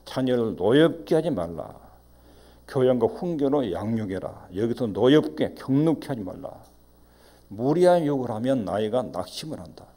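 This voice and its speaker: A middle-aged man delivering a sermon in a warm, mellow voice. He preaches emphatically at a middle pitch and acts out scolding parents in short quoted asides. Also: sing-song, normal speed. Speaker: pastor.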